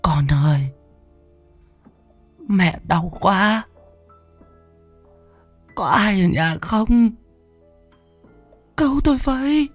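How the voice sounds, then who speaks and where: A man voicing a frail, sick old mother who pleads for help in a thin, quavering falsetto. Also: expressive, very slow, pauses often, no room sound, faint music behind, heavily acted. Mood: pained, feeble. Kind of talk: storytelling.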